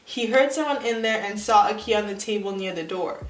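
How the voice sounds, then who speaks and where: A nineteen-year-old woman reads her old story aloud in a mid-range voice at a fairly quick pace, recorded roughly in an echoey room. She keeps breaking off for sarcastic, self-mocking asides between passages.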